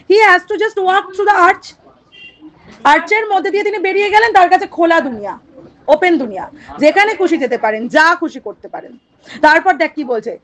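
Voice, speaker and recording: Female literature teacher, high-pitched, patient classroom explainer. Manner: talks directly to students, asks and answers her own questions; reads poem lines slowly and deliberately. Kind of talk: explaining a poem to students.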